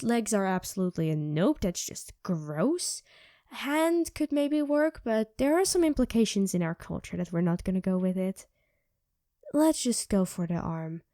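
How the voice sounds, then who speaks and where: A woman with a fairly high voice plays a sardonic, teasing female vampire in an ASMR roleplay, mocking and coaxing the listener. She speaks close to the mic and drops into soft whispers, with a dry recording.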